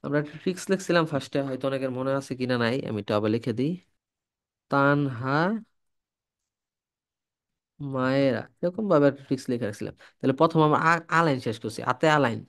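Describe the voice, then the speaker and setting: A man from Bangladesh, teaching a language lesson, repeating words and quizzing the listener. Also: mid-range voice. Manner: drills syllables slowly for practice. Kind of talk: classroom-style lesson.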